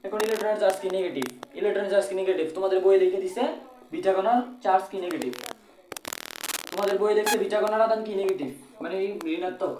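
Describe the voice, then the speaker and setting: A man's voice: high-pitched, fast talker, a little mellow, roomy sound, slight background noise, low-quality recording. A man with a colloquial Bangladeshi Bengali accent teaching an exam-prep physics lesson, repeating phrases and asking and answering his own questions. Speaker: physics tutor.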